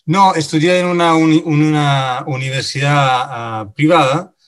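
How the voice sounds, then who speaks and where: A middle-aged man from Italy, a native Italian speaker with an Italian accent, answering radio interview questions in a halting way, full of pauses and fillers. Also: a little high, steady tone, a bit bright. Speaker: guest, finance director.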